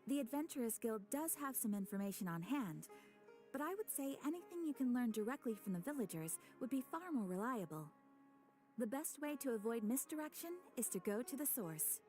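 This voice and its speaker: For a game cutscene, a woman voices a calm, courteous guild receptionist who speaks formally and in a measured way. Her pitch is fairly high, and soft game music plays behind her.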